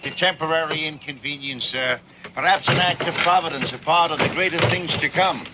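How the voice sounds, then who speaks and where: A man's voice: on the high side, a little fast, lightly acted. An actor playing a grandiloquent traveling showman and huckster in a TV western, with pompous, wordy riverboat gambler patter. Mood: grandly courteous. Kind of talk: 1960s television western acting. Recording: noisy old TV western soundtrack.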